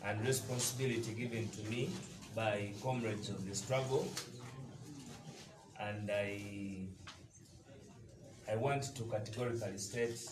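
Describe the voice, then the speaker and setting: A man whose voice sits on the low side is heard far from the mic, in an echoey, noisy room picked up from a distance. He is an eastern Ugandan deputy party spokesperson with a Ugandan accent, hesitating often through an emphatic, combative statement to the press.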